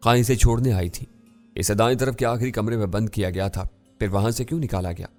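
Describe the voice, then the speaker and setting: A man's voice: lowish voice, a little mellow, soft background music, lightly acted. A man voicing a frightened young male gang underling who pleads and blurts out what he knows. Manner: pleading, hurried. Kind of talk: audiobook character voice.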